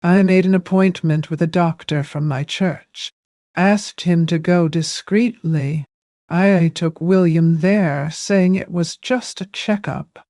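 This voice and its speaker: An older woman with a mellow, dark, fairly low voice tells a story about herself in an unhurried, hushed way. The recording is close and dry, with no room sound.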